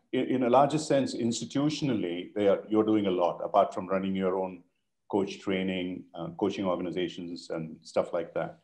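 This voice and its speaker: A man's voice: sits low, a little mellow. A man interviewing a guest over a video call, asking questions with hesitant restarts. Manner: hesitant, frequent restarts and fillers. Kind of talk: conversational interview.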